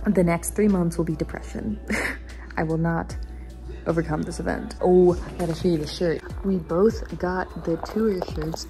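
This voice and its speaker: A young adult woman chatting casually in a vlog, excitable, swearing freely and laughing often. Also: lowish voice. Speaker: vlogger. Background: background music.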